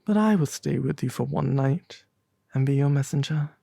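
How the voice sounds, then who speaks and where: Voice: mid-range voice, normal speed, vocal fry, dark tone, no echo, studio quality. A performer voicing a small, proud, fussy male swallow from a storybook. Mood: reluctant, kind.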